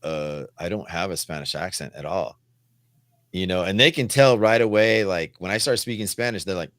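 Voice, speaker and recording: A man's voice: sits low, normal speed, fairly bright tone, no room sound, studio quality. A man hosting a podcast, chatting loosely and asking guests questions. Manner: conversational, asks questions, laughs easily. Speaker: podcast host. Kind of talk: casual chat.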